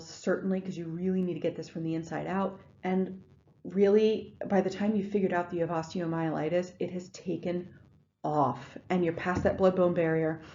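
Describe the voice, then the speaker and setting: A woman's voice: lowish voice, warm tone, muffled recording. A woman giving a recorded lecture in a conversational way, with frequent ums and restarts. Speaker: instructor.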